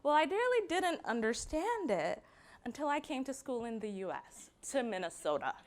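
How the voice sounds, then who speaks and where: A young adult woman from Barbados with a Barbadian accent, giving a prepared personal talk and slowing down to stress key words. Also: high voice, big pitch swings.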